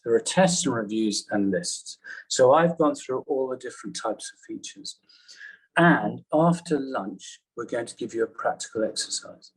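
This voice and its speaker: A man teaching a journalism class in a classroom, talking in a halting way and often checking in with "okay?". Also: mid-range voice, lively intonation, breathy edge, rough recording. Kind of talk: classroom lecture.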